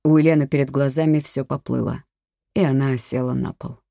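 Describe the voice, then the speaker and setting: An audiobook narrator reads a crime thriller in a measured, even way. The voice is mellow and dark, close to the mic in a dry booth with no reverb. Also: medium pitch, gravelly.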